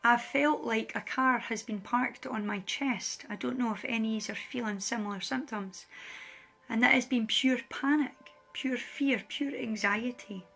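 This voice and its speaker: A woman's voice: on the high side, a little slow, creaky, fairly bright tone. Emotional woman pleading earnestly. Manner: earnest, pleading, repeats phrases for emphasis. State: emotional, close to tears. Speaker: spiritual light worker. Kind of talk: heartfelt direct address to viewers.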